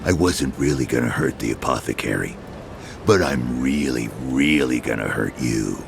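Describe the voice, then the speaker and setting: An actor playing a gruff, threatening gang leader in a video game, talking with open contempt. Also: male voice, very deep voice, animated, moderate pace, over music, full character voice. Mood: menacing. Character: menacing gruff male gang boss, threatening.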